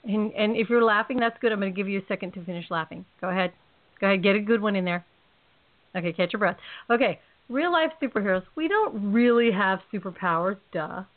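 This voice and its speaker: A woman with a California accent hosts a casual radio show, rambling chattily in podcast style and laughing often. Her medium-pitched voice is animated and fast, and the audio is tinny, like a phone line.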